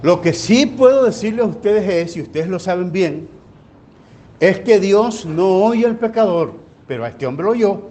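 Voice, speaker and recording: Un pastor que predica en una iglesia, con tono de relato sencillo y muchas preguntas retóricas al público. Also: male voice, high voice, expressive, a little slow, dark tone. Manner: folksy storytelling with rhetorical questions. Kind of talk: sermon teaching. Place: church. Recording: live church recording with faint ambient noise.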